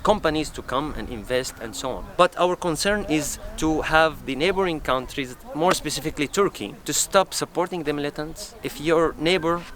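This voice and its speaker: A man's voice: a little high, normal speed, hardly any pauses, crowd noise. A man from Syria guiding a visitor, explaining earnestly and firmly outdoors. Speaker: local guide. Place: outdoors at a hilltop citadel.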